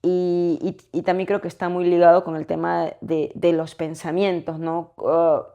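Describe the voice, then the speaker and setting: A young woman co-hosting a casual podcast, musing out loud in a thoughtful, unhurried way. She pauses with hesitations and checks in with short tag questions. Her voice sits somewhat low for a woman. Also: level tone, muffled recording. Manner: reflective, thinking aloud with hesitations and tag questions. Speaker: podcast co-host. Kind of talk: casual chat.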